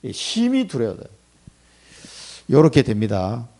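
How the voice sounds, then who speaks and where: A man preaching a Sunday sermon in a church, in a colloquial, animated way, acting out the people he quotes and chuckling as he talks. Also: mid-range voice, a little slow, vocal fry. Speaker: pastor. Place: church sanctuary.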